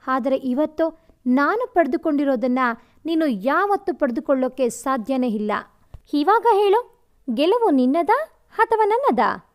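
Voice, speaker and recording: A man's voice: very high-pitched, darkish tone. A woman voicing a cruel, boastful young male rival who taunts and mocks in a storybook narration. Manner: taunting, mocking.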